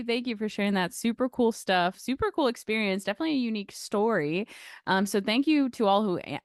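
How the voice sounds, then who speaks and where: A woman's voice: medium pitch, dry recording, clean studio sound. A woman hosting a live-streamed interview, upbeat and encouraging as she thanks her guest and asks questions. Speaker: host.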